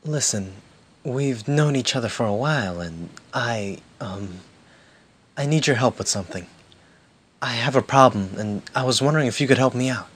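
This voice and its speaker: A man playing a shy, husky teenage boy. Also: medium pitch, lively intonation. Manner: hesitant, halting. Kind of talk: fan audio drama acting.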